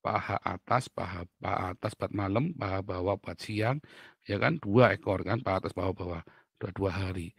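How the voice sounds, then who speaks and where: Gravelly-voiced man preaching with anecdotes. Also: sits low, moderate pace, no room sound. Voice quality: gravelly, husky. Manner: laughs often at his own stories, animated. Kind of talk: sermon with personal anecdotes.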